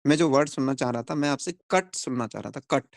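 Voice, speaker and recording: A man's voice: medium pitch, quick pace, dry recording, studio quality. A young man teaching a phonics lesson in a classroom, explaining step by step and asking the class questions.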